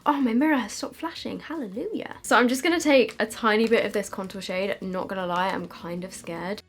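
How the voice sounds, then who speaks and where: A young British woman talks casually to camera as a beauty vlogger. Her mid-pitched voice has a slight lisp from a retainer in her mouth, and she is chatty and quick to poke fun at herself. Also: soft background music. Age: young adult. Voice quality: slightly lispy from wearing a retainer. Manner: chatty, self-deprecating. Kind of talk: casual makeup review to camera. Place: small decorated room indoors.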